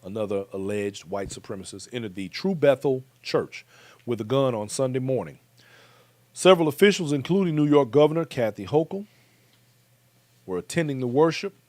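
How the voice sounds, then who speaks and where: A man with an American accent hosts a commentary show, speaking emphatically and addressing his viewers directly. His voice is medium-pitched and a little mellow, and the recording is dry.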